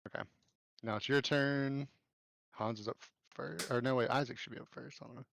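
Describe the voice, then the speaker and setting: A man narrating as game master in an online tabletop game, casual and loose, with fillers and quick self-corrections. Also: medium pitch, fairly even intonation, gravelly, a bit bright, a little hiss or hum.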